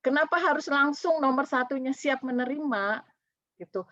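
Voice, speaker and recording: A woman leading an online Islamic study group, reading out replies and acting out quoted voices in a lively way. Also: high voice, normal speed, no room sound, lo-fi sound. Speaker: religious study teacher.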